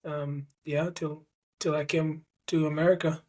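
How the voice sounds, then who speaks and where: A man's voice: fairly high pitch, little pitch movement, unhurried, a little mellow. A man in his thirties from India, a podcast guest who speaks hesitantly, often restarting his sentences. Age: 30s. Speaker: guest, mobile technician. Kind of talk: casual podcast interview.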